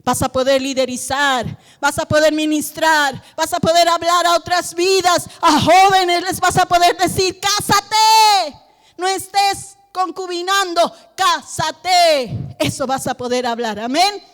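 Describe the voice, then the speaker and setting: Woman pastor preaching, high pitched, lively, acts out dialogues, echoey church hall. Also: normal speed, hardly any pauses. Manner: animated, acts out family dialogues. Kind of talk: sermon.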